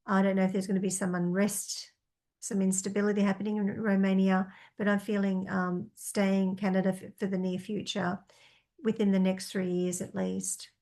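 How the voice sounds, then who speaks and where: Reading out viewers' questions, a psychic woman answers them tentatively, thinking aloud with frequent ums and half-finished starts. Her voice is mellow and average in pitch, with little pitch movement, and she talks at a normal speed.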